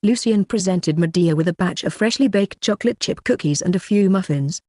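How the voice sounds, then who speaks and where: A narrator reading a fantasy story aloud in an even, steady way. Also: mid-range voice, brisk, no echo, clean studio sound. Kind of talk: scripted audiobook narration.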